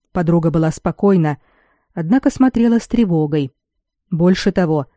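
Dark-toned audiobook narrator. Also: medium pitch, no room sound, studio quality.

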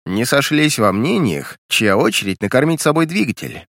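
A man's voice: mid-range voice, very animated, normal speed, gravelly, a bit bright, no room sound, studio quality, heavily acted. A man putting on a grumbling old engineer. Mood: dryly wry. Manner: grumbling, matter-of-fact. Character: grumpy old legless male ship engineer.

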